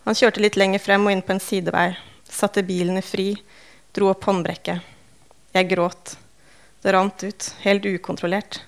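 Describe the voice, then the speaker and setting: A woman reading a first-person novel aloud in calm, measured, understated narration. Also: medium pitch, clean tone. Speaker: audiobook narrator.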